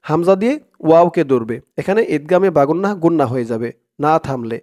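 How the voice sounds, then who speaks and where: A man teaching Quran reading, chanting verses slowly and then explaining the rules in quick speech. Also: on the high side, expressive, warm tone.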